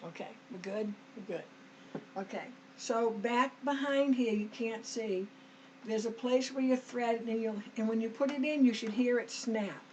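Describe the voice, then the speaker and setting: A woman's slightly high voice, a little slow, guides viewers through sewing step by step in a homey, chatty way, calling them "us" with plenty of okays and restarts. She clears her somewhat dry throat. The recording is rough, with slight background noise.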